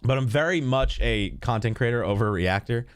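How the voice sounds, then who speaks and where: A man's voice: mid-range voice, brisk, smooth, dry recording. Chatty man laughing as he streams. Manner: rambling and chatty, laughs often, swears. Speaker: streamer reacting live. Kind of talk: casual live-stream chat.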